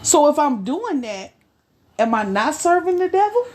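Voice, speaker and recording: A woman co-hosting a podcast discussion, speaking emphatically with a preaching cadence and slow, stressed phrases. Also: high-pitched, very animated, darkish tone. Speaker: podcast co-host.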